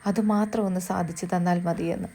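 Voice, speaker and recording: A gentle, resigned old father near death pleads quietly, read out by a woman. The tone stays low and mellow with a flat, even line. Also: fairly quick, slightly rough.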